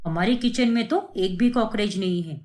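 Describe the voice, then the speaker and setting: A woman voicing an easygoing young husband in a cartoon story, in a lowered voice and an eager manner. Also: moderate pace, darkish tone, lightly acted. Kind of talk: cartoon voice acting.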